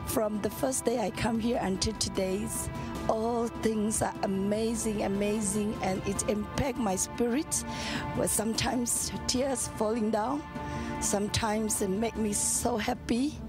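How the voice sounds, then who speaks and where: A middle-aged woman, a tour participant, giving an earnest, halting testimony in non-native English into a handheld mic outdoors at dusk. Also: fairly high pitch, fairly even intonation. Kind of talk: grateful interview testimony. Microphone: handheld reporter mic. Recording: music under the interview. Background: music.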